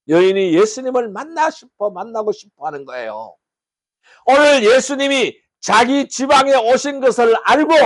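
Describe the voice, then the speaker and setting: Pastor guy preaching, high voice that swings up and down a lot, asks the crowd questions. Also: no room sound. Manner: animated preaching with rhetorical questions to the congregation. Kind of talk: sermon.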